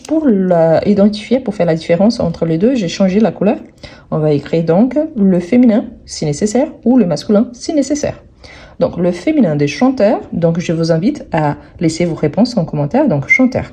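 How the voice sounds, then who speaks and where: Woman, French teacher, slow careful delivery, repeats words, husky, very dark tone. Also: medium pitch. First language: Portuguese. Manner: slow, careful, repeats each word several times. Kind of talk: explaining a grammar exercise.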